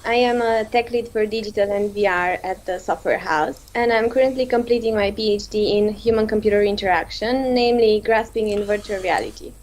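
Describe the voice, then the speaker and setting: Woman, panel guest, video call, composed, mid-pitched. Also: steady tone, fairly quick, hardly any pauses, a little mellow, low-quality recording. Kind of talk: introducing herself on a panel.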